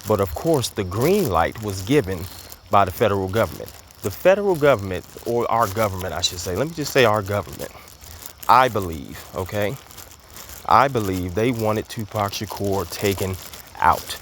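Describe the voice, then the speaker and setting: Out walking, a man hosts a casual commentary monologue, a little breathless, rambling emphatically with plenty of fillers and repeats. He has a lowish, expressive, somewhat bright voice at normal speed, and a little hiss or hum is audible.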